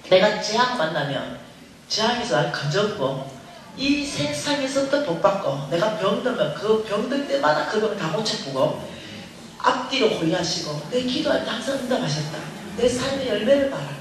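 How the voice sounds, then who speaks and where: A woman's voice: medium pitch, expressive, a little hiss or hum, natural voice. A woman voicing her elderly, devout mother, a church deaconess who keeps preaching insistently. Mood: earnest. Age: older. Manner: insistent, preachy, slow and earnest. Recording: echoey church hall from far off.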